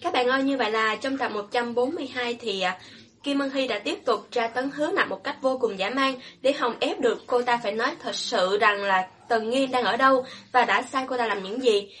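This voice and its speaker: Woman reading a serial romance story on her channel, bit high voice, smooth even telling. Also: fairly quick, slight background noise. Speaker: audiobook narrator, channel host.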